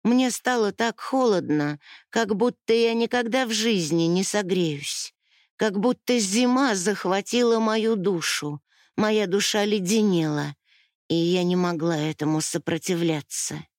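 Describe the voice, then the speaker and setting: A woman's voice: mid-range voice, a little slow, a little mellow, no echo, studio quality. A woman reading a first-person audiobook in an emotional, intimate style. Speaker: audiobook reader.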